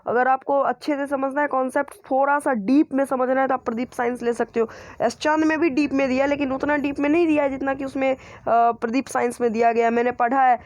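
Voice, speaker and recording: A man's voice: extremely high pitch, level tone, fast talker, no echo. A man hosting a channel, casually recommending school books and repeating and qualifying his points, with frequent hesitations. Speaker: YouTube channel host reviewing school books. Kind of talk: casual spoken book recommendation.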